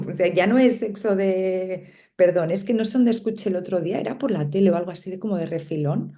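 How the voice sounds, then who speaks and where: A woman's voice: on the low side, a little fast, mellow. A middle-aged woman with a Spain Spanish accent, talking reflectively as a guest in a casual panel conversation, often tagging her points with a questioning "no?". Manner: reflective, lots of tag questions and small laughs.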